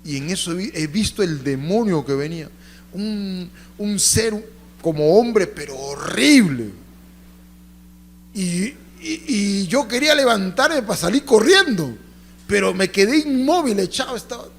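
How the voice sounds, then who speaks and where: High-voiced preaching pastor. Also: male voice, expressive, measured pace. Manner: call-and-response preaching, asks congregation to repeat; swings between loud emphatic lines and hushed storytelling. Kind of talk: sermon. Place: church.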